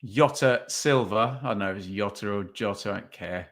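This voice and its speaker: This man hosts a podcast, offering relaxed running commentary as he watches a football game, musing aloud and leaning on tag questions. He talks fairly quickly in a fairly low, fairly bright voice.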